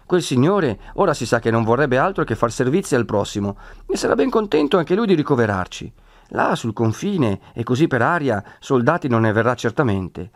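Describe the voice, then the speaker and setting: A man voicing a bossy, brisk older housekeeper who scolds and hurries everyone along. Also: medium pitch, big pitch swings, dry recording, close to an everyday voice. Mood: urging.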